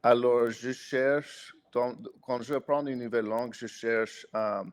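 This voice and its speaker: In casual conversation as a podcast guest, an American man who speaks English natively chooses his words carefully and hesitantly, often restarting. His mid-range voice stays steady and unhurried. He is from the United States.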